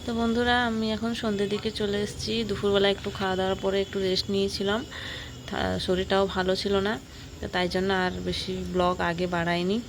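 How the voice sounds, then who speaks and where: A woman's voice: fairly low pitch, background noise. A woman chatting casually to her viewers as she films a home vlog on a phone camera. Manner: chatty, friendly, often addresses viewers as friends. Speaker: home vlogger.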